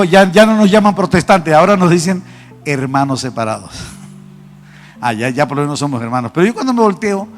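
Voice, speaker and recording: High-voiced preacher in a big hall. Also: male voice. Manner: animated storytelling, acting out dialogue. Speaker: apostle preaching. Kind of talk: sermon testimony. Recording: long hall reverb with faint music.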